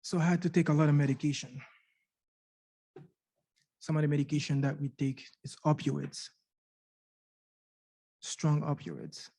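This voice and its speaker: This middle-aged man from Canada speaks a little slowly in a mellow, creaky, higher-leaning voice that barely shifts in pitch, leaving long pauses. At a university conference room he earnestly shares his patient story, with repeated words and rhetorical questions.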